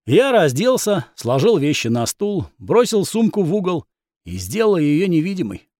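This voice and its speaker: A man's voice: a little high, sing-song, moderate pace, a little mellow, dry recording, studio quality. A man narrating a first-person fantasy audiobook in a wry, ironic tone.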